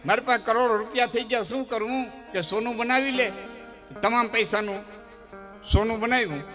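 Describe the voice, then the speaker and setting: A man holds a live folk storytelling stage. His voice sits high and rings bright and forceful, and he repeats phrases in a rhythmic build that swells into loud declamation. Faint instrumental music plays underneath. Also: fairly even intonation, moderate pace.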